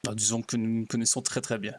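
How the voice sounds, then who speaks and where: A man's voice: fairly low pitch, flat delivery, fast, darkish tone. Hesitant, overly polite man. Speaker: roleplayer playing a naive pastor. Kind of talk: in-character roleplay chat.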